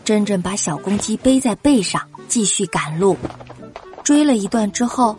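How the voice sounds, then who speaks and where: A woman narrating a children's story, gently speaking to young listeners. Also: medium pitch, animated, moderate pace, faint music behind. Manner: gentle, addresses children directly.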